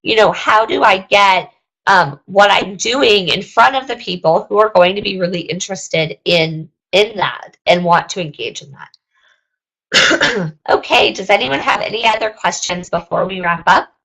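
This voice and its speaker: A woman's voice: medium pitch, measured pace, creaky, fairly bright tone, poor audio. A young woman hosting a casual webinar, rambling with lots of ums and likes, and losing her voice. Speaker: webinar host.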